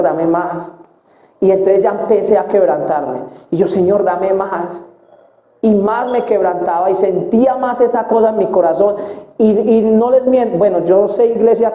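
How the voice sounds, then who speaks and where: A young man preaching and telling his testimony with feeling, speaking straight to the congregation. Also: high-pitched. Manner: emotional storytelling, addressing the congregation directly. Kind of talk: sermon testimony. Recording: echoey, tinny phone-like sound.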